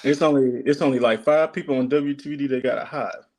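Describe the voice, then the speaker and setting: A man's voice: medium pitch, fairly even intonation, a little fast, a little mellow. A man in a casual group debate, speaking insistently and contradicting the others. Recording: noisy mic with clicks.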